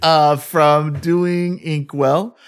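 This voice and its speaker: A man's voice: a little high, steady tone, very slow, smooth. Laid-back male podcast host. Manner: laughing, playful banter with frequent restarts. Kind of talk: casual chat and reading a bio. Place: office in a house.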